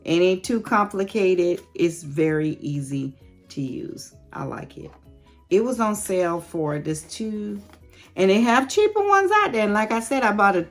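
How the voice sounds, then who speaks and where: A woman in her late fifties chatting candidly and laughing often as she answers viewer questions in a casual vlog. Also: on the low side. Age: late 50s. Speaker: YouTube host.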